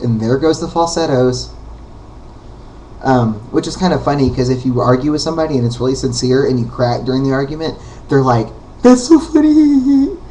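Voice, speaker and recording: Man, baritone, casual webcam vlogger, rambling and candid with lots of fillers; faint noise in the background. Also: mellow, rough recording. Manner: rambling and candid, many ums and uhs. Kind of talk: casual talking-to-camera vlog.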